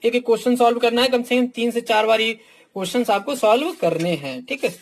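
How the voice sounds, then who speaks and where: A man's voice: very high-pitched, brisk, gravelly. A man coaching exam students in a casual teaching talk, blunt and frank in his views, who addresses them as "my dear" and tacks a "theek" onto almost every phrase. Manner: fills nearly every phrase with "ठीक"; talks straight to students, calling them "my dear". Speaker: exam coach reviewing books.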